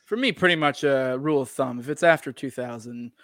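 A man's voice: medium pitch, fairly quick, fairly bright tone, dry recording, studio quality. A man from Maine co-hosting a podcast, talking in a loose, opinionated way, laughing often and swearing casually. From Maine, United States. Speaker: podcast co-host. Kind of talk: casual conversational podcast chat.

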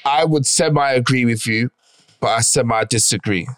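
A man's voice: mid-range voice, moderate pace. A man, telling stories emphatically in a casual podcast discussion. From England. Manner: emphatic storytelling, calls people bro. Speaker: podcast guest or co-host.

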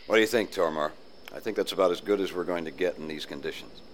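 A man's voice: low-pitched, fast talker, music in the background, natural voice. An actor playing a brash, easygoing male spaceship captain in an audio drama. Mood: confident.

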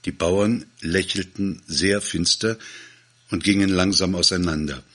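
A man reading a satirical short story aloud in a dramatic, expressive way. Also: low voice, unhurried. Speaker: narrator.

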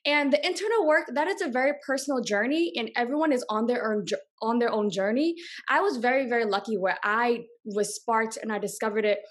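Speaking briskly with hardly any pauses, this slightly high-voiced woman is an interview guest who founded a coffee company. She is in her 30s, from Boston, and talks in a chatty, passionate way full of "like" fillers.

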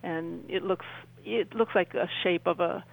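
A woman in her sixties, appearing as an interview guest who has experienced UFOs, tells her story on a conversational radio interview. She speaks haltingly and rambles, often rephrasing mid-sentence, in a fairly low, steady voice with vocal fry. The recording quality is low.

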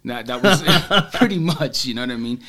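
Lively, animated man chatting. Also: mid-range voice, a little fast. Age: adult, married. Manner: animated, laughing, slangy storytelling. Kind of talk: casual chat.

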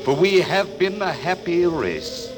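An actor playing the reverent, doomed last survivor of an ancient race in declamatory 1950s radio style. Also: male voice, high-pitched, very animated. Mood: solemn farewell. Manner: declamatory, ceremonial, slow phrases. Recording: old radio disc with music.

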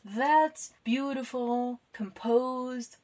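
A woman talking casually as a podcast co-host, frank and opinionated with a quick laugh. Her voice is somewhat husky and sits on the higher side. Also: steady tone, darkish tone. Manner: opinionated, blunt, laughs often. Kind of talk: casual chat.

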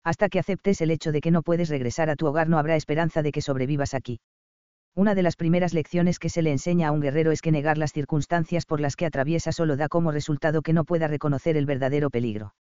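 A man voicing a fierce medieval highland warrior in an audiobook, stern and commanding, speaking low and measured. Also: steady tone, mellow, smooth, no room sound, highs cut off, close to an everyday voice. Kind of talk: audiobook character reading.

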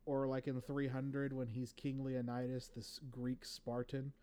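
A man co-hosting a casual podcast, reading movie trivia from his notes in a relaxed way with fillers. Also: medium pitch, unhurried, clear, resonant tone. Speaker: podcast co-host.

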